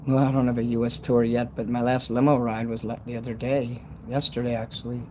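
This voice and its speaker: A man's voice: mid-range voice, fairly quick. A man in his fifties from the United States whose s sounds whistle, chatting bluntly and ramblingly as a livestream host. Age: 50s. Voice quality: whistling s sounds from a dental retainer. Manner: blunt, rambling, frequently swearing. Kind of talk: casual livestream chat. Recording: steady background noise.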